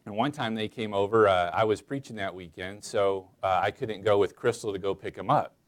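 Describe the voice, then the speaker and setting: A man preaching a casual, chatty sermon in church, asking the congregation questions and filling pauses with "um" and "uh". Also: lowish voice. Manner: folksy, chatty, many fillers, addresses listeners as y'all. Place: church sanctuary.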